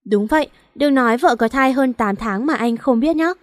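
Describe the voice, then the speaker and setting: A woman's voice: a little high, normal speed, dry recording, studio quality, lightly acted. A woman voicing a blunt but caring female office manager who scolds sternly, in a storybook reading.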